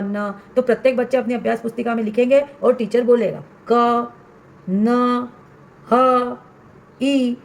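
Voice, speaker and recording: A woman's voice: fairly high pitch, gravelly, darkish tone, roomy sound, a little hiss or hum. Woman teacher explaining a workbook. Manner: explanatory, repeatedly addressing fellow teachers. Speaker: primary school teacher. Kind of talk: instructional walkthrough for teachers.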